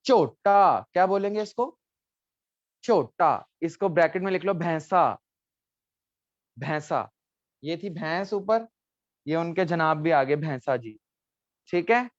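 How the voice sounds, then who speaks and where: Male teacher for an online class, a bit higher voice, repeats words and quizzes students, dry dull lo-fi sound. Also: expressive, takes it slowly, long pauses, no room sound. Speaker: language teacher.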